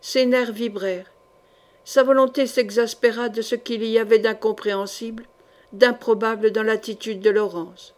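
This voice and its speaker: Narratrice à la voix assez haute. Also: female voice, fairly high pitch, steady tone, moderate pace, a little mellow. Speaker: audiobook narrator. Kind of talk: scripted narration of a historical novel.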